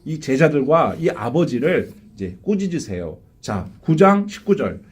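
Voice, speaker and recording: A male pastor delivers a live Sunday sermon in a church, with a high voice whose pitch rises and falls widely. He keeps asking the congregation questions and acts out the quotes in his stories. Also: very animated, unhurried, a little mellow, slightly rough. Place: church sanctuary.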